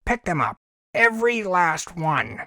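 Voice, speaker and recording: A man voicing an angry male alien with a stiff, clear, high-pitched way of speaking, in a dry audiobook reading. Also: lively intonation, a little slow, a bit bright, dry recording. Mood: furious. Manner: scolding, commanding. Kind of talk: audiobook character voice.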